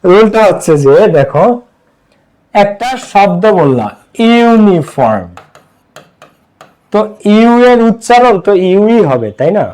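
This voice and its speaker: Young Bangladeshi male tutor, high-pitched voice, Bangladeshi accent, quizzes the class and answers himself. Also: sing-song, a little slow, a little mellow. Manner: asks the class questions and answers them himself. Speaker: English teacher. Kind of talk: online class lecture.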